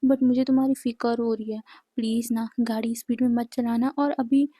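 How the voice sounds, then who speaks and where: A woman reading a caring young man who talks softly and anxiously in a storybook fan tale. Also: fairly high pitch, steady tone, moderate pace, dry recording, clean studio sound, lightly acted. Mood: worried. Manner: soft, anxious.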